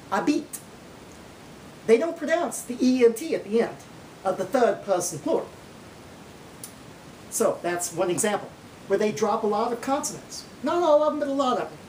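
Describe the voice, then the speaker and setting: Woman putting on a drawling Okie lecturer, lively pitch. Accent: Oklahoma. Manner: slow drawn-out drawl, emphatic. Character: proud folksy Okie woman lecturing on her dialect. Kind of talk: mock lecture on dialect. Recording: roomy, distant mic, faint rumbling noise.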